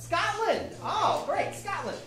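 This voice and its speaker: Lively woman hosting an improv show. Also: extremely high pitch, slow pace. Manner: chatty, laughing, filler-heavy. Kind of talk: live comedy hosting. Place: comedy club stage. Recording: echoey club from far off, crowd.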